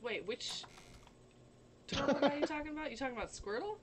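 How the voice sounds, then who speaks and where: A woman's voice: high voice, a little fast, a crowd in the background. A woman giving brief, distracted replies while playing a game on a casual stream. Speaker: game server admin and co-streamer. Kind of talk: casual gaming stream chat.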